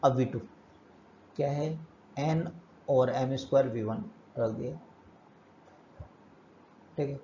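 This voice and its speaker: Speaking slowly with long pauses, this man teaches physics in a classroom lecture, raising his own questions and answering them as he solves problems step by step. He has a dark, mid-range voice. The audio sounds muffled, with a little hiss or hum underneath.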